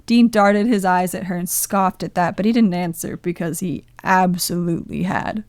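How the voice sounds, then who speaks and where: A woman reading a story aloud as narrator, in a gentle, measured way. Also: on the low side, dry recording. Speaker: podfic reader. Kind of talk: scripted narration.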